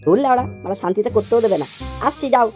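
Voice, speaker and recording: A woman's voice: on the high side, expressive, fast, warm tone, soft background music, natural voice. A woman voicing a lazy, jobless young son in a cartoon who talks back and whines when scolded. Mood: cheeky.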